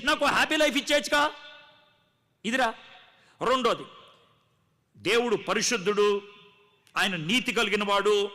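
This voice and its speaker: A man's voice: very high-pitched, bright, forceful tone. A man preaching a testimony sermon to a live gathering, telling his story dramatically and acting out the dialogue. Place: live gathering before a congregation.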